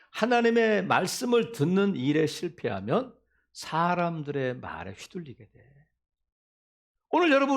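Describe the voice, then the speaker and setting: A male pastor preaching a sermon in an animated way, acting out quotes from scripture. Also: high-pitched, gravelly.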